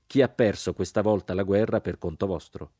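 A man's voice: low voice, fairly quick, dark tone, no room sound, studio quality. A man reading the lines of a polite, good-humoured American colonel in an audiobook. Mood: amused.

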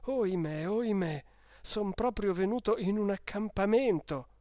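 A man voicing a fearful, fussy old village priest who scolds in anxious hushed tones. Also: sits high, unhurried, no echo, studio quality, pitched above the performer's own voice. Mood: fretful.

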